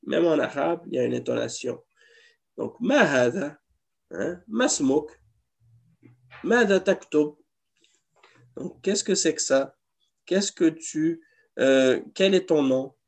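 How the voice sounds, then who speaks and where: A man teaching Arabic grammar to a class. He speaks slowly and patiently in a gravelly voice that sits a little high. He repeats every example so his students can follow. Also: animated. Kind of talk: classroom lesson. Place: mosque classroom.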